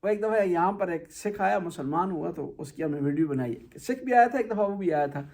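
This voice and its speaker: A man's voice: high voice, expressive, a little mellow. A male Shia cleric giving a conversational religious talk, lecturing through anecdotes and rhetorical questions.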